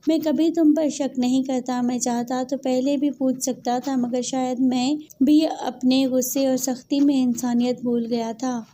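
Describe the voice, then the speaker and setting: Repentant young husband, earnest and soft, a high mellow voice from a woman reading the part. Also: steady tone, hardly any pauses, a little hiss or hum, close to an everyday voice. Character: stern young husband turning tender, man.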